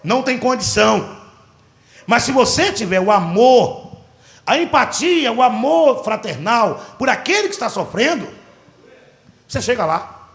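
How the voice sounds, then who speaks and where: A man with a Brazilian Portuguese accent, a pastor preaching a sermon and telling a story with animated, dramatic delivery. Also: very high-pitched, measured pace, long pauses, reverberant.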